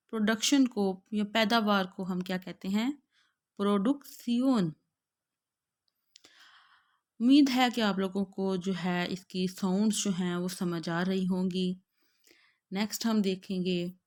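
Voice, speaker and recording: Slow, careful Pakistani woman teacher. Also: mid-range voice, darkish tone. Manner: drawn-out, carefully spelled-out words, glossing each in Urdu. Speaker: German language teacher. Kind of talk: slow pronunciation lesson, repeating each word.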